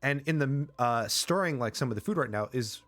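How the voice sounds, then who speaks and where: A man's voice: medium pitch, lively intonation, a little fast, a bit bright, no room sound, soft background music. A man narrating as game master, rambling with lots of fillers.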